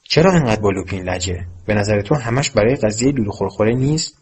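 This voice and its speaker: A man's voice: lowish voice, expressive, slightly rough. Man reading as an irritable teenage schoolboy. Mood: exasperated. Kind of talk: audiobook character voice.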